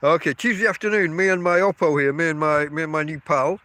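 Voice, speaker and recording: Sitting outdoors by his tent at a camp in a field, a middle-aged podcast host with a cold-blocked nose chats on his own, rambling and self-interrupting. His slightly high voice is pushed and bright, with fairly even intonation and a quick pace, in a dry recording.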